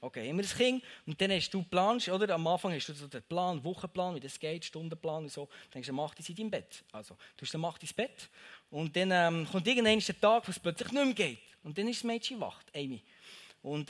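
A man's voice: sits high, animated, fairly quick, fairly bright tone. A young man gives a casual devotional talk, speaking straight to the listener and repeating his phrases for emphasis.

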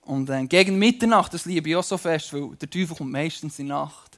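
A young man giving a casual, story-driven sermon from a church stage. His voice sits a little high for a man, and he tells his stories animatedly, often pausing on fillers. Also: fairly bright tone. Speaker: preacher. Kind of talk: conversational sermon.

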